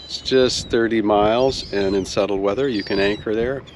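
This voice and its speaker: Relaxed man from Canada vlogging outdoors. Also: fairly low pitch, normal speed, slight background noise. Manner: relaxed, chatty, many fillers. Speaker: sailing vlogger. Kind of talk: casual vlog narration. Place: outdoors on a sailboat. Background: music.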